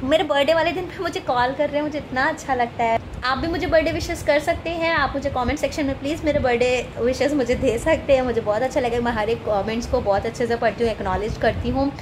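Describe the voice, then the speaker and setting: A woman's voice: sits high, steady tone, quick pace, background noise. A woman in her thirties, a vlogger chatting casually to a phone held at arm's length, mixing English words into her Hindi. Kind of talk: casual vlog chat to camera. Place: indoors at home. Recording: background music.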